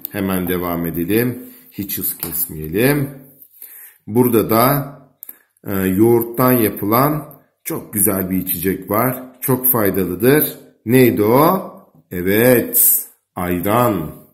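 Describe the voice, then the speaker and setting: A man teaching young children, dictating simple words with repeats and prompting them with short questions. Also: lowish voice. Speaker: primary school teacher and video host.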